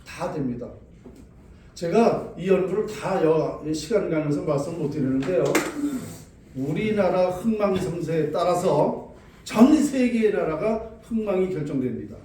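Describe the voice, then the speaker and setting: An older man answers questions as a lecturer, sounding assertive and sure. His voice is mellow and a little high. It comes through a very reverberant space, away from the mic. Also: lively intonation, measured pace. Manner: assertive, insistent. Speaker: feng shui lecturer. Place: large echoey room with an audience. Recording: very echoey hall, distant mic, faint noise.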